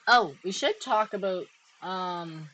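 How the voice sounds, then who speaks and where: A woman's voice: fairly low pitch, expressive, takes it slowly, a bit bright, a little hiss or hum, low-quality recording. A woman from Canada with a Canadian accent, hosting a casual chat and talking through her thoughts as she goes. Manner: chatty, laughs often, thinks aloud. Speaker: crypto mining streamer host.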